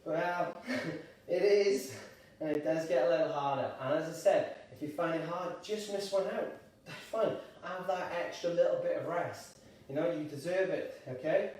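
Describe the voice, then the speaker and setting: Brief: Welsh male fitness instructor, upbeat and chatty, a bit breathless, mellow voice, echoey room from a distance. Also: on the high side, normal speed. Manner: encouraging, chatty, a bit out of breath while exercising. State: slightly out of breath. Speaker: exercise instructor. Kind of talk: live online exercise class.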